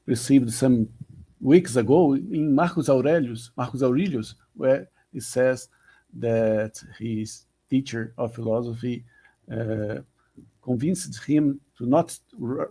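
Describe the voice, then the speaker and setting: A man with a Brazilian accent moderating an online seminar over a video call, talking in a halting way with many restarts. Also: mid-range voice, dark tone, husky. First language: Portuguese. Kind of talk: online academic discussion.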